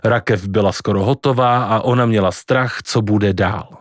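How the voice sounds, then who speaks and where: A man with a lowish voice reads a novel aloud as an audiobook, narrating his scripted text in an expressive storytelling manner. The recording is dry, with clean studio sound.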